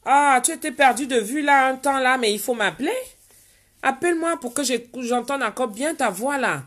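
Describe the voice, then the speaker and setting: A woman's voice: high-pitched, lively intonation, normal speed, fairly bright tone. A woman hosting a casual live stream from home, chatting and reading out viewers' names and comments. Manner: chatty, reads viewer names aloud and answers them.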